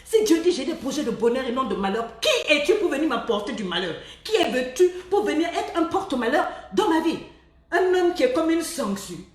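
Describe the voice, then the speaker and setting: A woman giving a lively, preachy love-coaching talk. She laughs often and mimics the people she talks about. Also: high-pitched, fairly quick, reverberant, far from the mic. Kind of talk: live-streamed motivational talk.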